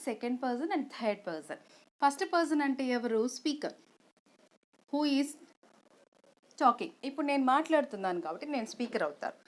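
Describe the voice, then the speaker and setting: A woman with a Telugu accent teaching an online English grammar lesson, explaining step by step and asking rhetorical questions, switching between Telugu and English. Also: on the high side.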